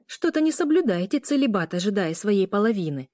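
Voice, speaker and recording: A woman voicing an impulsive, sharp-tongued young woman in an audiobook, with snappy, indignant questions. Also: medium pitch, very animated, brisk, no echo, clean studio sound, lightly acted.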